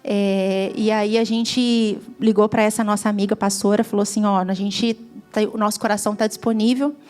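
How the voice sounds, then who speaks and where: A woman's voice: medium pitch, flat delivery, moderate pace, a little mellow, soft background music. A woman from Brazil with a Brazilian Portuguese accent, giving a heartfelt testimony sermon at a church gathering that rises to fervent emphasis. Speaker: guest preacher.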